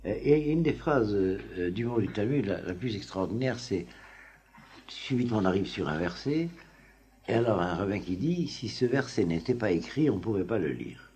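A man teaching a class on the Talmud in an informal, halting lecture full of fillers and restarts. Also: fairly low pitch, lively intonation, warm tone. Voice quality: very husky voice. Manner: halting, many fillers and restarts, chuckles often.

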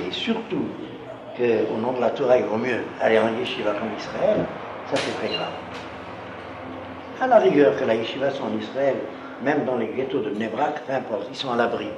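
Male lecturer, mid-pitched and emphatic, who keeps asking if he is clear; echoey hall with noise behind. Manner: emphatic, keeps checking with rhetorical questions. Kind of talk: lecture with audience questions. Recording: echoey room with background noise.

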